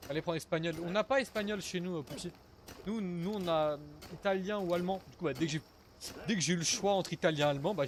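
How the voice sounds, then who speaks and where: A high male voice, with slight background noise, comes from a young gaming streamer. He offers casual live commentary on a survival game, chatting with viewers and now and then letting out a swear word.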